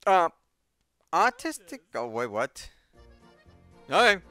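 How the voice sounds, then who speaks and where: A man with a Boston accent rambles through a casual video reaction, hesitating and trailing off. His voice is bright and crisp, recorded dry and close. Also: medium pitch, expressive, unhurried, dry recording, faint music behind. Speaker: video commentator.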